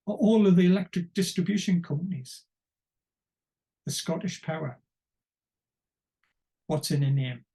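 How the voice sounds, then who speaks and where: A man giving unscripted political commentary, rambling and wry, often pausing to search for words. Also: fairly high pitch, warm tone.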